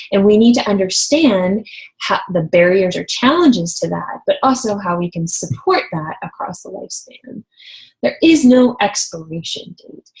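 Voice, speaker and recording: A woman in her thirties delivers a recorded university lecture in a slightly low voice. She explains patiently and stays engaged with her material, stressing key points as she goes. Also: vocal fry, low-quality recording. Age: 30s. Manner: explanatory, engaged, occasional laughs.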